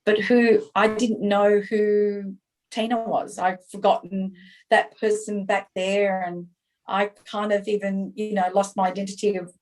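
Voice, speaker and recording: A middle-aged woman speaks as an interview guest, telling her life story with candour. She talks at an everyday pitch and brings scenes to life by acting out what she and others said. Her delivery is animated and personal. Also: measured pace, low-quality recording. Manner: animated, acts out her own past dialogue.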